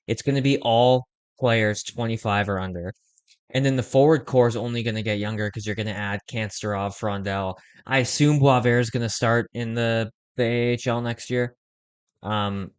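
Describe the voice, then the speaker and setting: A young man hosting a fan watch-along stream, giving casual play-by-play and chat with quick excited reactions. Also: fairly low pitch, no room sound. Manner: conversational, reacts excitedly to plays, uses fillers like "like".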